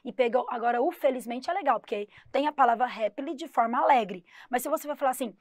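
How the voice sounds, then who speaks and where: Lively high-voiced woman teaching English. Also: no room sound, studio quality. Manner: lively, stresses English words slowly and clearly. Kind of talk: exam-prep English lesson.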